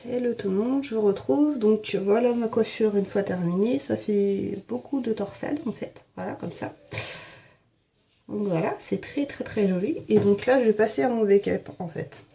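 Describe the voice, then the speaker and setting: A young woman beauty vlogger chats her way through a hair and makeup tutorial in her bathroom, recorded on a phone headset mic and peppered with fillers and "en fait". Her voice is medium-pitched, gravelly, and warm, at a moderate pace.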